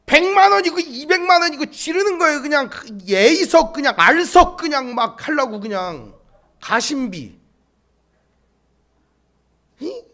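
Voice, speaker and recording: A male pastor preaching a sermon, telling stories with animated delivery and firing rhetorical questions at the congregation. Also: extremely high pitch. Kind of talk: sermon with storytelling.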